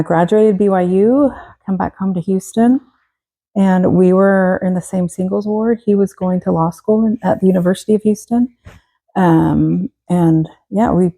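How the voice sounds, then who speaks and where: A woman in her forties from Texas, a guest telling her story in a relaxed interview, pausing often and restarting. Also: mid-range voice, poor audio. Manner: hesitant, many fillers and restarts. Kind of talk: casual interview.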